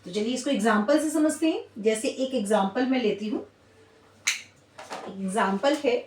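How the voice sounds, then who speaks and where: A woman's voice: a little high, normal speed, background noise. A woman with an Indian accent teaching English pronunciation in Hindi, stopping again and again to check the class is following. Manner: repetitive, checks in with "theek hai". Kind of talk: classroom lesson. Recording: roomy echo from a distance.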